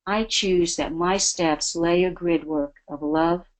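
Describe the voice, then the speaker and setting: A woman's voice: lowish voice, steady tone, takes it slowly, poor audio. A woman giving a spiritual talk as a webinar guest, earnest and devotional. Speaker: guest speaker.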